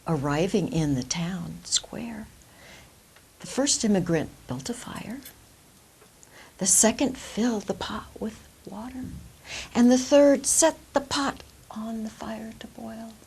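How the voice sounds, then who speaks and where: A woman telling a folk tale expressively, with dramatic, deliberate phrasing. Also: fairly high pitch, a little mellow. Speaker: storyteller. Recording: clear background hiss.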